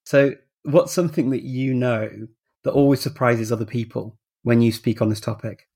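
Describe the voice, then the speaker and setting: Gravelly mellow male interviewer. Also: medium pitch, normal speed. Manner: calm, inquisitive. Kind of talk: interview questions.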